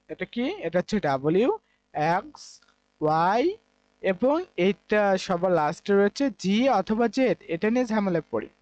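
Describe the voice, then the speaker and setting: A man's voice: high voice, no echo, muffled recording. A man from Bangladesh, teaching English grammar in a classroom-style lesson, explaining step by step and repeating key points.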